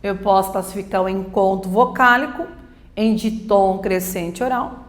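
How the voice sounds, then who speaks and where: A woman's voice: mid-range voice, moderate pace, echoey room. A woman teacher, teaching a grammar lesson for exam prep, explaining step by step and asking and answering her own questions.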